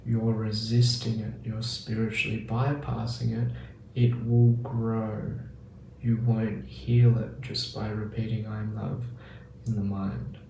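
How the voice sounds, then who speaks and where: A man giving a casual spiritual teaching talk on meditation, acting out the mind's inner voice in quick asides. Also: on the low side, flat delivery, vocal fry, warm tone. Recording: roomy, distant mic with faint noise.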